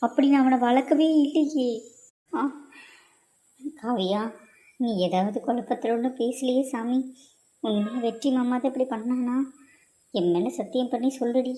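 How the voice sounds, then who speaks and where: A woman's voice: on the high side, measured pace, pauses often, dark tone, natural voice. A woman voicing a middle-aged aunt in a cartoon drama, who laments and defends her son. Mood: anxious. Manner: distressed, pleading, lamenting.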